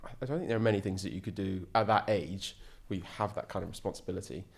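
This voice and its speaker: A man's voice: low voice, steady tone, quick pace, gravelly. A man, a guest chatting enthusiastically in a casual interview and often restarting his sentences. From England. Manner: enthusiastic, rambling with frequent restarts. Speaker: podcast guest, ocean sailor.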